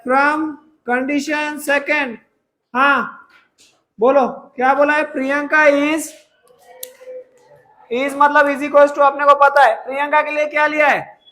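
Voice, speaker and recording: A man's voice: very high voice, flat delivery, pushed and bright, rough recording. A male math teacher, teaching a class. He dictates problems word by word and keeps asking the students whether they follow. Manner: dictates English problem text slowly, word by word.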